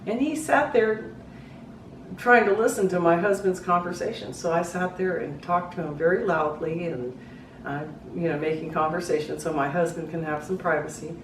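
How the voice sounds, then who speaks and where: A woman's voice: fairly low pitch, steady tone. Earnest middle-aged woman in a roomy room. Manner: earnest, halting, voice rising and breaking when distressed. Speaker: grieving mother. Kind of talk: emotional personal testimony. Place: living room at home. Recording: roomy, distant mic, faint background hiss.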